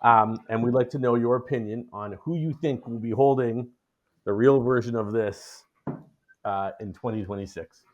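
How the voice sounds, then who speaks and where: A man from Canada co-hosts a podcast in a friendly, conversational way and often repeats his words. His voice sits at a middle pitch. The audio sounds dull and lo-fi. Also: moderate pace. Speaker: podcast co-host. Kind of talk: casual podcast chat.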